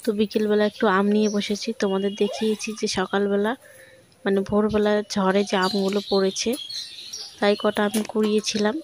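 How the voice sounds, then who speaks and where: Chatty woman vlogging her chores, flat delivery. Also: medium pitch, a little fast, slight background noise. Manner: chatty, talks straight to viewers. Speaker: vlogger, mother of two daughters. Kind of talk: casual vlog narration of daily chores. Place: home and courtyard by a water tap.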